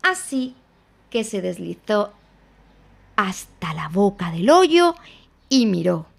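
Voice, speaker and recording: Woman storyteller, bedtime reading, lively and slow, gravelly edge. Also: medium pitch. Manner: slow, expressive, playful storytelling.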